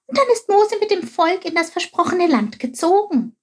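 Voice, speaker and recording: A woman voicing an excitable, curious young male creature who keeps asking eager questions. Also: very high voice, moderate pace, pitched above the performer's own voice.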